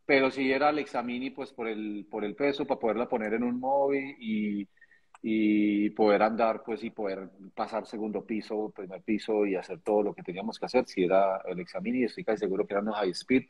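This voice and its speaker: A man's voice: lowish voice, animated, brisk, creaky, a little mellow, husky, highs cut off. A man, a director of photography, chatting casually about filming, talking loosely with slang. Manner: laughing storyteller, slangy. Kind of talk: casual chat.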